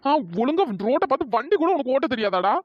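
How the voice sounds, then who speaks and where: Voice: high-pitched, very animated, quick pace, no echo, muffled recording, pitched above the performer's own voice. A performer voicing a young man who scolds and mocks his injured best friend in a cartoon story. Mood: scolding. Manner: scolding, mocking.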